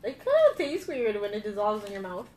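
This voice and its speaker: A woman's voice: mid-range voice, lively intonation, a little fast, distant mic. A young woman hosting a casual live candy review, talking bluntly and swearing freely. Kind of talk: casual live-stream chat. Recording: echoey room, a bit off-mic, faint noise.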